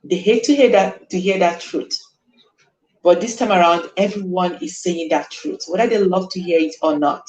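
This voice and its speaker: Earnest host in an echoey room. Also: female voice, fairly low pitch, moderate pace, a little mellow. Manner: earnest, emphatic, repeats herself. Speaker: live stream host. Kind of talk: casual chat.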